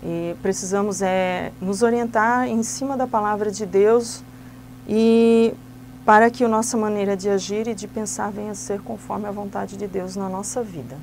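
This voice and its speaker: A woman's voice: medium pitch, steady tone, normal speed, darkish tone, a little hiss or hum. Patient woman explaining a classroom activity. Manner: patient, instructive, step by step. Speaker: Sunday school teacher trainer.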